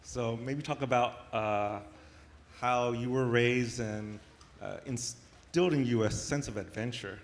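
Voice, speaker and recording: A man interviewing a guest on stage, hesitant and filling pauses with ums and uhs. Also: medium pitch. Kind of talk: onstage interview.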